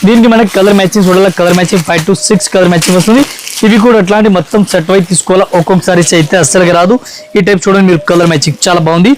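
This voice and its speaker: A man's voice: high-pitched, steady tone, racing, slight background noise, rough recording. A man showing sarees in a shop, with a repetitive sales patter. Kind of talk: product showcase pitch.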